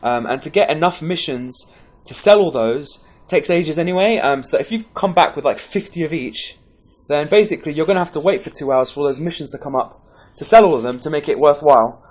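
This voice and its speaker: A man's voice: fairly high pitch, a little fast, hardly any pauses. A man giving a casual, rambling gameplay tutorial, chatty and full of restarts. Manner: caffeinated, pepped up. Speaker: game guide presenter.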